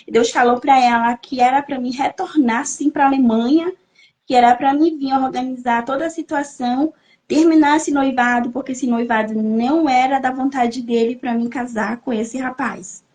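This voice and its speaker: A woman's voice: sits high, fairly even intonation, normal speed, darkish tone. A young Brazilian woman giving an emotional personal testimony on a podcast, telling her story and acting out the voices she quotes. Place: living in Germany, remote podcast.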